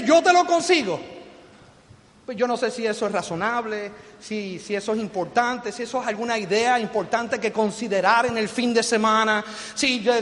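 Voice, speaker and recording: A middle-aged Puerto Rican man with a strikingly high voice gives a lively motivational talk, joking with the crowd and acting out the voices he quotes. His words ring out with a long hall reverb. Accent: Puerto Rican Spanish. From Puerto Rico. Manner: animated and joking, acting out quoted voices, asking the audience questions. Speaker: motivational business speaker. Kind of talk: motivational speech to a live audience. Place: large hall before an audience.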